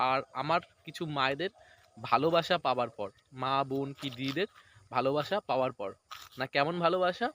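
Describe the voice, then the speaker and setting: A man's voice: on the high side, fairly bright tone. A man, chatting casually in a vlog outdoors beside a paddy field. He rambles and keeps checking in with "right?". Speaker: vlogger.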